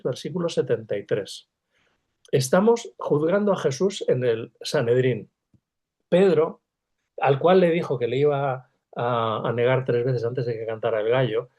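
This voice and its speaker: A man, a literature professor from Spain, lecturing over a video call and acting out the quoted lines with big jumps in pitch. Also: breathy edge. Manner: animated, acts out quoted dialogue with sudden pitch jumps.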